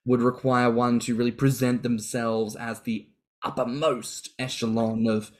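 A man's voice: medium pitch, level tone, unhurried, a little mellow. A man co-hosting a casual podcast chat, musing at length with playful asides. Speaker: podcast co-host.

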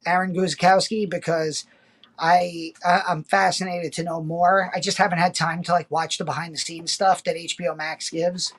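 A man's voice: on the high side, little pitch movement, normal speed, a bit bright. A man co-hosting a casual review podcast, talking in a hesitant, enthusiastic way with many fillers. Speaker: podcast co-host.

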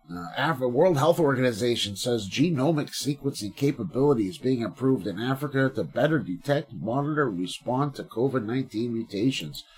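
A man, a comedian, reading news stories aloud and swearing through sarcastic commentary. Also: fairly low pitch. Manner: crude, sarcastic, swears constantly; reads headlines aloud with mock emphasis. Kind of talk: profane news commentary podcast.

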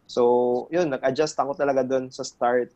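A man from Cagayan de Oro with a Filipino accent, a nurse talking as a guest, halting with restarts as he mixes Tagalog and English. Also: mid-range voice, fairly even intonation, a little mellow, dull audio. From Cagayan de Oro, Philippines. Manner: hesitant, many restarts and fillers. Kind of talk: casual interview.

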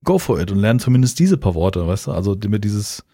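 A man's voice: fairly low pitch, big pitch swings, fast talker, warm tone, breathy edge, dry recording, clean studio sound. A man co-hosting a casual podcast, telling stories and often asking whether his partner follows. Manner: chatty storyteller, keeps asking "weißt du?". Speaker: podcast co-host. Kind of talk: casual chat.

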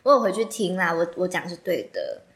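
A young woman with a Taiwanese Mandarin accent, co-hosting a casual late-night chat podcast and telling stories in an animated, teasing way. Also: lowish voice, a little fast. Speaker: podcast co-host.

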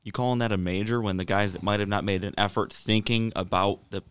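Smooth, dry-voiced man chatting golf. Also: fairly low pitch, fast talker, no room sound. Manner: animated, wry storytelling. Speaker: podcast co-host. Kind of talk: casual chat.

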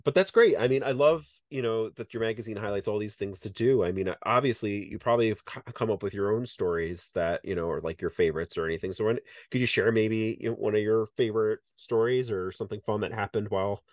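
A man's voice: fairly low pitch, quick pace, hardly any pauses, no echo, clean studio sound. A man hosting a podcast, chatting casually and laughing at his own stories. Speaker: podcast host. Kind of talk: casual interview chat.

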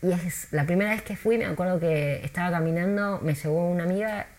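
An Argentine woman who works as a tour guide, chatting in an interview with lively, storytelling delivery and many restarts. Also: on the low side, a little fast. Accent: Argentine Spanish.

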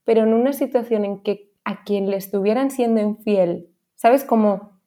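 A woman's voice: mid-range voice, normal speed, dark tone. A woman co-hosting a casual podcast, enthusiastic and reflective, who says she rarely uses Spanish day to day. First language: not Spanish-dominant, rarely speaks Spanish. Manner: enthusiastic, reflective, laughs often. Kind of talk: casual chat.

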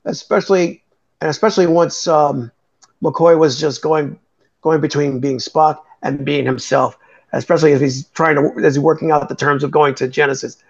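A man with a slightly high, gravelly voice reviews a film in a slow, hesitant way, pausing on fillers. His audio is dull and lo-fi, as if from a remote setup. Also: steady tone. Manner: hesitant, many uh fillers, drawn out. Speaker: podcast co-host. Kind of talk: casual movie review chat.

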